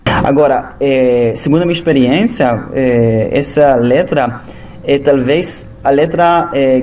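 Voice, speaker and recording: Man teaching a lesson, slow and patient delivery with frequent pauses, faint noise in the background. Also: medium pitch, mellow. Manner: slow, halting, methodical explaining. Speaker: Hebrew teacher. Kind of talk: language lesson.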